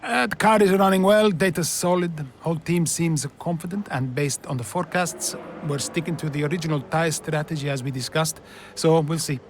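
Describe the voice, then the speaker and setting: An eager, slightly flustered team principal in a racing game, voiced by an actor. His voice sits a little high, with a faint hiss underneath. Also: brisk, close to an everyday voice.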